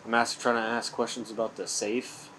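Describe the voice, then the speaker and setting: Young adult man, mid-pitched voice, casual slangy delivery, ghost-hunting vlog, faint background noise. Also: flat delivery, moderate pace, pushed and bright, poor audio. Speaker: paranormal investigator. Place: indoors in a large old house.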